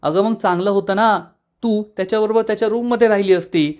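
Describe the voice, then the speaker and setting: Playful teasing mother, voiced by a man, high voice, coaxing, recap storytelling. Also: fairly even intonation, quick pace, a little mellow, close to an everyday voice. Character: amused, teasing middle-aged mother.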